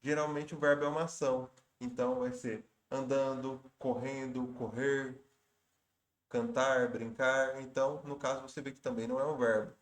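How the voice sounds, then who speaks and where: A man with a medium-pitched, fairly flat voice speaks at a moderate pace, teaching Portuguese grammar for exam prep. He patiently works through each question step by step, often pausing to correct himself, and the recording has a roomy echo.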